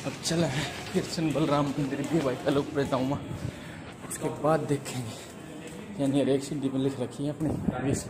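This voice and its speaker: A man's voice: mid-range voice, fairly even intonation, moderate pace, noisy background. A young man, chatting casually as he walks through temple grounds, filming himself on a phone at arm's length. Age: young adult. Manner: chatty, calls viewers brother, narrates as he walks. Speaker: travel vlogger. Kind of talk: casual walking vlog. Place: temple grounds and stairwells, indoors and out. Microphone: phone held at arm's length.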